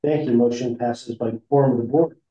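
A man serving as district counsel, chairing a formal board meeting in a measured way with frequent fillers, his voice heard over a remote call line that breaks up. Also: medium pitch, steady tone, mellow. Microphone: remote call audio. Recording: muffled echoey call audio.

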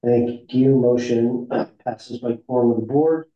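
A man serving as district counsel, chairing a formal board meeting in a measured way with frequent fillers, his voice heard over a remote call line that breaks up. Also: mid-range voice, fairly even intonation. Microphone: remote call audio. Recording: muffled echoey call audio.

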